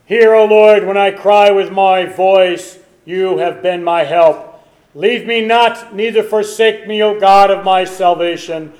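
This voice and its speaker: A man leading a church service, intoning prayers slowly in a measured way, his voice ringing with cathedral echo. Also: sits high, steady tone. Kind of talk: spoken and chanted liturgical prayer. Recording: echoey church hall with loud organ.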